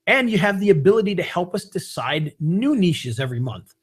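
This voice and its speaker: A man hosting a live webinar, pitching a membership and answering viewer questions in a casual, upbeat way. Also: sing-song, slightly rough. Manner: casual, upbeat, with fillers and quick jokes. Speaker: webinar host.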